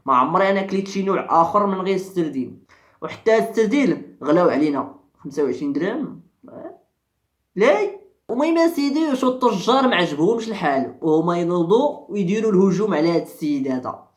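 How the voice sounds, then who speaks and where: A man's voice: high voice, big pitch swings, quick pace, roomy sound. A man with a Moroccan accent giving a fiery commentary rant, repeating himself and firing rhetorical questions at his viewers. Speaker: social commentary vlogger.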